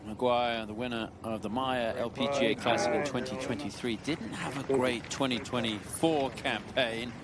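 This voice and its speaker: A man working as a golf commentator, calling live tournament play with expressive reactions to shots. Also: medium pitch, moderate pace, hardly any pauses, over a noisy crowd. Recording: clear outdoor ambient noise behind. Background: outdoor tournament ambience.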